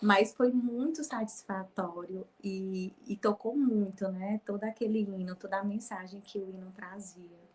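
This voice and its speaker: A woman's voice: medium pitch, steady tone, unhurried, hardly any pauses, darkish tone. A woman telling a personal faith testimony as a guest, acting out past conversations and often near tears. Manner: storytelling, acting out dialogue, frequent "né?" tags.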